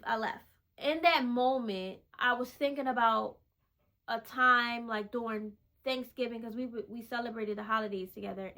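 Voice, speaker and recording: A woman's voice: fairly high pitch, bright, forceful tone. A woman vlogger candidly telling a personal story in a conversational, emphatic way, repeating phrases for effect.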